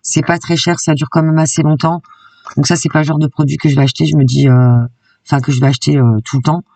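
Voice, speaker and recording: Gravelly-voiced woman chatting through a haul. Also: deep voice, fairly even intonation, fast, dark tone, dry recording, recorded from a distance. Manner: chatty and enthusiastic, peppered with "hein". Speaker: craft YouTuber. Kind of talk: casual shopping haul vlog.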